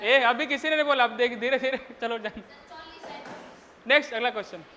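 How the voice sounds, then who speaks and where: A man's voice: extremely high pitch, fairly quick, a crowd in the background. A male physics teacher running a rowdy class, scolding and teasing his students in crude slang between dictated questions. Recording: lo-fi classroom recording in a reverberant room.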